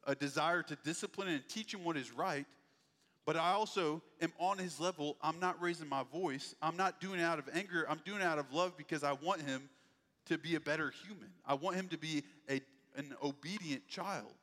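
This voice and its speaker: A man's voice: on the high side, normal speed, pushed and bright, long reverb tail. A man preaching a sermon in a conversational, folksy way. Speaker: pastor.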